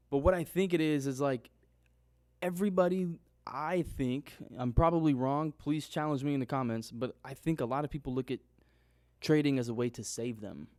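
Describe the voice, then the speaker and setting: A young man thinks out loud in a loose, unscripted monologue, circling back on his points and restarting sentences as he goes. His voice sits at an ordinary pitch. The sound is dry and close, recorded on his own microphone in a small room. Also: no room sound. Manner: rambling, self-questioning, restarts often. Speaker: trading vlogger.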